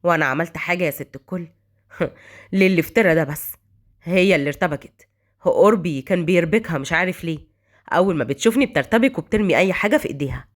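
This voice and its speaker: A stern Egyptian police officer, a cold and taunting man in a storybook drama, as a woman narrator puts him on. His voice sits low and flat, and he talks down to people. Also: fast talker, pauses often. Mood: mocking. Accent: Egyptian Arabic.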